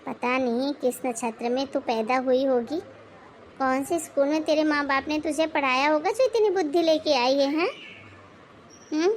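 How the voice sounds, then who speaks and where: A woman voicing a bossy, sarcastic mother-in-law in her forties in an animated moral story, scolding and mocking. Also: high voice, moderate pace, slight background noise, natural voice. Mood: taunting.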